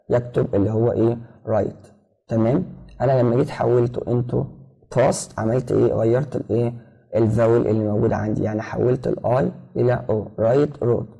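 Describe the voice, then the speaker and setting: A man's voice: medium pitch, vocal fry, dark tone, slightly rough, low-quality recording. A middle-aged Egyptian English teacher giving a recorded lesson. He drills words by repeating them and keeps asking rhetorical questions.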